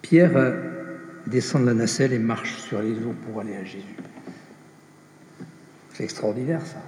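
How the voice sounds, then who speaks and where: Male preacher with a mellow, measured delivery and an echoey hall sound. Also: mid-range voice, slight background noise. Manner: slow, measured, dropping soft on quoted words. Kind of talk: sermon. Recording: echoey hall with long reverb.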